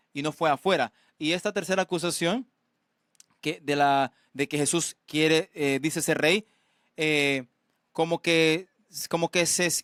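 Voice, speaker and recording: A man's voice: on the high side, fairly bright tone, no room sound. Earnest preacher man, dry close sound. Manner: earnest, asks "¿verdad?" often, halting restarts. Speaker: pastor. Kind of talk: sermon.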